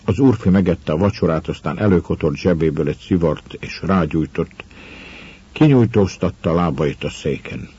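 Deep, very husky male storyteller. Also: dark tone. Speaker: narrator. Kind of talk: audiobook story reading. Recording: dull lo-fi recording.

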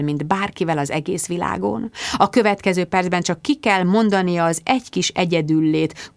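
A woman narrating a first-person audiobook in a lively, expressive way, close to the mic. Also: fairly low pitch, vocal fry, dry recording.

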